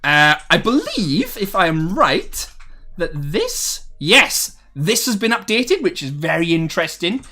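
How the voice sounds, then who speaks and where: Hosting a game development live stream, a young man reads chat messages aloud and rambles casually with viewers, full of ums and livening up when newcomers arrive. His high-pitched, bright, forceful voice swoops wildly in pitch and moves a little slowly.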